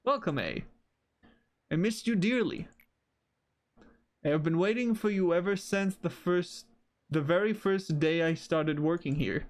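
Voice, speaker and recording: A weary older man speaks with tender, solemn slowness, as a streamer reads his lines aloud. The voice sits fairly high for a man, and he lets each line settle before moving on. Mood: affectionate. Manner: slow, solemn reading of game dialogue.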